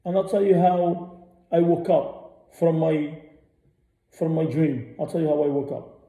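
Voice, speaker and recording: A man rants on a radio show, blunt and profane, and he hammers his points again and again. His voice is very dark and sits a little high. The room around him sounds echoey. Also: fairly even intonation, a little slow, vocal fry. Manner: blunt, profane, repeats himself. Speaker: radio host. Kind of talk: ranting monologue.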